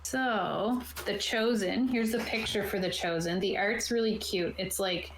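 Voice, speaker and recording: Acting as game master over an online video call, this woman reads rulebook passages aloud and casually walks through tabletop game rules. Her voice sits at medium pitch and she takes her time, with slight background noise present. She's in an indoor room, and the home recording has a roomy, echoey quality.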